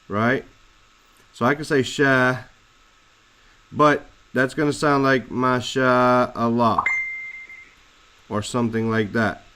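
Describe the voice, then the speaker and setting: A man teaching a lesson, explaining Arabic words slowly and deliberately, spelling out letters and roots. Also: medium pitch, a bit bright, poor audio. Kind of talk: classroom explanation of Arabic text.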